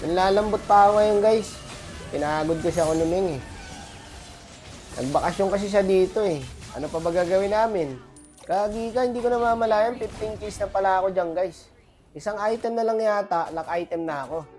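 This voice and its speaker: A man's voice: high voice, brisk, darkish tone, soft background music. A man with a cold giving chatty, boastful gameplay commentary to his viewers as a streamer. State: has a cold, voice affected. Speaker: gaming streamer.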